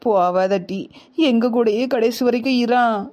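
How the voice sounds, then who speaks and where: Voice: mid-range voice, steady tone, a little slow, a little mellow, lightly acted. A voice actor playing a trusting, affectionate village woman in a cartoon comedy. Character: gullible village woman, one of the sisters.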